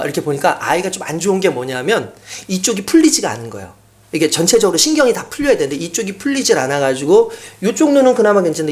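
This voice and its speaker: A male pastor preaching a sermon in a church, telling an anecdote and acting out the people in it. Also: high-pitched. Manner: animated anecdotal storytelling, often acting out quoted speech. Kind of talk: sermon storytelling.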